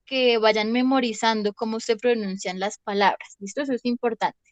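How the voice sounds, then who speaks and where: Young teacher, higher voice, dry close mic, patient, keeps checking in. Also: female voice, steady tone, moderate pace, dry recording. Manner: patient, repeats "¿listo?" to check understanding. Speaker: English teacher. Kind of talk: online class lesson.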